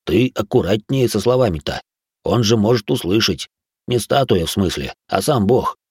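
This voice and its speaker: A man puts on a nervous, superstitious raccoon spirit who hisses warnings in a fearful tone. The voice is raised above his usual low register and sounds dry and close. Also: lively intonation, normal speed, darkish tone, breathy edge, no room sound.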